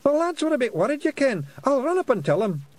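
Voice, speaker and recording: A man voicing a tiny, nervous male fairy warrior with a high, squeaky Scottish-accented voice, bashful and stammering. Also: sing-song, fast, dry recording, full character voice. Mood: cheeky. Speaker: audiobook reader. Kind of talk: audiobook character voice.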